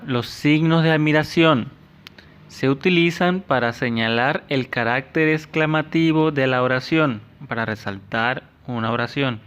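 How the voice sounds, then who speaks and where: A man with an Ecuadorian Spanish accent teaches a class of children, walking through each point slowly and with care. His pitch sits mid-range for a man. The recording has a dull, lo-fi sound. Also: fairly bright tone. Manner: slow, careful explaining to children. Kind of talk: classroom lesson.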